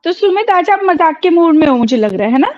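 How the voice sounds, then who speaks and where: High-voiced stern woman teacher. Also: sing-song, fast talker. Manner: stern, mixes Hindi and English. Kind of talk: classroom teaching. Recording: dull lo-fi sound.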